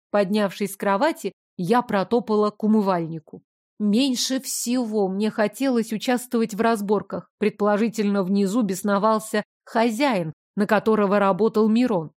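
A woman narrating an audiobook in the first person, with lively, expressive storytelling. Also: mid-range voice.

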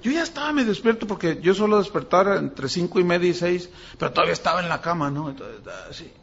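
A man's voice: high-pitched, fast talker, vocal fry. A male pastor preaching a sermon, telling a story and acting out the voices in it. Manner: animated, acts out voices in anecdotes. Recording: dull lo-fi sound.

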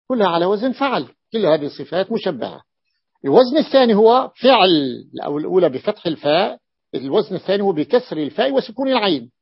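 Gravelly man teaching a grammar lesson. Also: a little high, dry recording. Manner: repeats example words slowly, quizzes students. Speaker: teacher of Arabic morphology. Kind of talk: classroom lecture. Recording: dull dry lo-fi recording.

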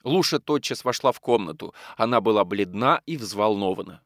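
A man narrating an audiobook with expressive storytelling. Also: fairly low pitch, moderate pace, no room sound, studio quality. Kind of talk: audiobook reading.

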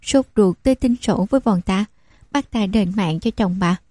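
A woman voicing a cool, sharp young noblewoman who speaks with calm command. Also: mid-range voice, moderate pace, no room sound, close to an everyday voice.

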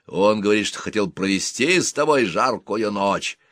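A man's voice: fairly low pitch, expressive, normal speed, fairly bright tone, dry recording. A man reading an audiobook, voicing a brash, joking young man who teases his friend. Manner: joking, pushy. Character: brash, mocking young man, a carefree rogue.

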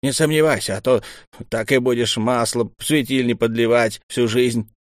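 A man's voice: medium pitch, steady tone, normal speed, dry recording, studio quality, lightly acted. A man voicing a spiteful, scheming old temple mentor who talks in a gloating, venomous hiss.

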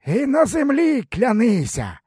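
A stern old pagan elder who commands rather than asks, as a male narrator puts him on. His voice sits high and husky, with slow, solemn, drawn-out words. Dry, close audiobook sound. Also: huge pitch swings, mellow, dry recording, exaggerated voice. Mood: solemn commanding. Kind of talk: audiobook character voice.

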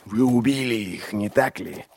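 A man voicing a stern crippled male inquisitor who questions prisoners slowly and coldly. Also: mid-range voice, a little mellow, a little hiss or hum, lightly acted. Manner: slow, cold, deliberate questioning.

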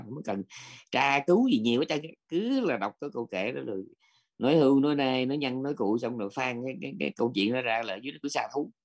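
A man's voice: medium pitch, vocal fry, slightly rough. A male Buddhist monk from gives a blunt, scolding dharma talk and keeps asking his listeners whether they agree.

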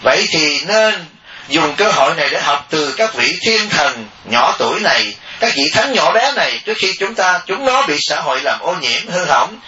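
Bright-voiced monk doing a dharma talk, jokey, kinda dull lo-fi sound. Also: male voice, fairly high pitch, moderate pace. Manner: animated, jokey, mimics laypeople. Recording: distant echoey lo-fi recording.

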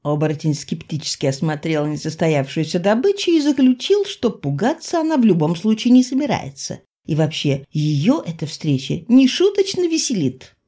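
Woman narrator, audiobook fairy tale, mellow tone, lively intonation, expressive. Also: on the low side, breathy edge. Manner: expressive storytelling, dramatic slowdowns.

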